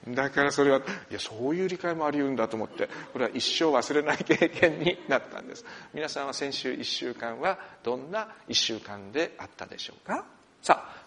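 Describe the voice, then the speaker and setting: Expressive male pastor preaching a sermon. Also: fairly high pitch. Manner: expressive storyteller, animated asides. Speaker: senior pastor. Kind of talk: sermon with opening prayer. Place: church hall with a screen.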